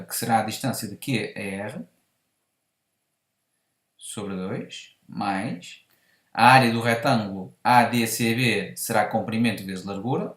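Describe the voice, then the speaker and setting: A man's voice: on the low side, fairly bright tone, roomy sound. A man with a European Portuguese accent explaining a math exercise step by step, methodically, and correcting himself as he goes. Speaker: math teacher. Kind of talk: whiteboard math lesson.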